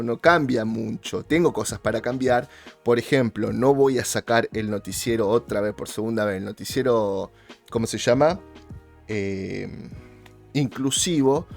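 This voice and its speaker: Male YouTuber, Rioplatense Spanish accent, mid-pitched, casual persuasive monologue to viewers, faint music bed. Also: creaky. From Argentina. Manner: talks straight to viewers, persuasive, pitch jumps up for emphasis. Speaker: YouTuber host.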